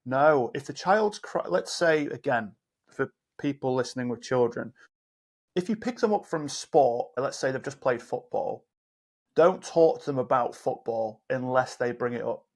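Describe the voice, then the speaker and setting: Gravelly-voiced man telling coaching stories. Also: medium pitch, a little slow. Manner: animated storyteller, acts out dialogue. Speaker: podcast guest, coach. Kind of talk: casual podcast conversation.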